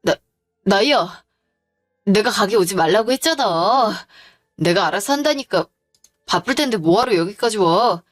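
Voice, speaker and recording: A woman voicing a husband who makes excuses in a slow, self-justifying way in a dramatized story. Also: medium pitch, expressive, no room sound, clean studio sound, faint music behind, natural voice. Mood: nervous. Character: evasive husband, defensive and dismissive.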